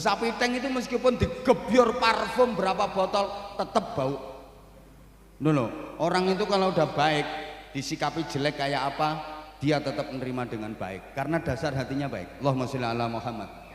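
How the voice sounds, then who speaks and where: A middle-aged man with a Javanese accent giving a humorous sermon as a preacher, telling animated stories and mimicking characters. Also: on the high side. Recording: echoey hall with long reverb.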